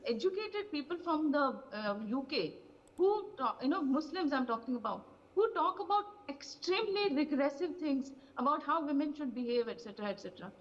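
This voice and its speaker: A woman speaking as a panelist on a live news broadcast, measured and full of fillers. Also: high-pitched, big-room sound, lo-fi sound.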